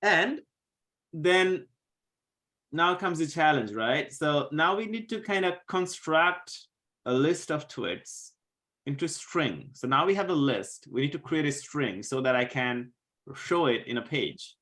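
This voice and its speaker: Guy teaching coding live, slightly high voice, kinda hoarse, goes step by step. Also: lively intonation, a little slow, a bit bright. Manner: patient, walks students through code step by step. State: losing his voice, coughing. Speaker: coding instructor.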